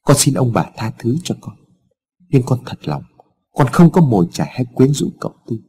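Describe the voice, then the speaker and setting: A man's voice: mid-range voice, sing-song, normal speed, dark tone, breathy edge. A man doing a pleading young servant girl. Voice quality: trembling, tearful pleading.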